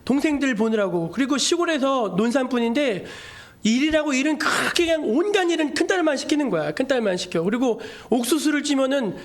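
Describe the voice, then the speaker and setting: Male pastor, high voice, animated storytelling sermon. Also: fairly quick.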